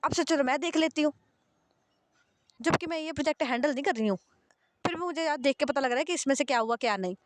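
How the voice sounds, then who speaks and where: A woman's voice: sits high, fast talker, pauses often, lightly acted. A woman voicing a hot-tempered young female employee who scolds her boss, repeating herself in exasperation. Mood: angry scolding.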